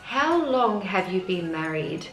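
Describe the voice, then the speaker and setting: A woman's voice: mid-range voice, big pitch swings, slow pace, a bit bright. A woman, reading viewer questions aloud in a casual vlog and answering each one plainly. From Australia. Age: 40s. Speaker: family vlogger. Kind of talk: casual Q&A to camera. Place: family home with children nearby. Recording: echoey room, faint music behind.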